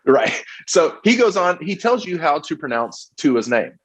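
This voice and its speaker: A man's voice: on the high side, very animated, unhurried, husky. A man co-hosting a college football podcast, talking casually with lots of fillers and restarts. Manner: rambling, many fillers and restarts. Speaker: podcast co-host. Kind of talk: casual sports podcast chat.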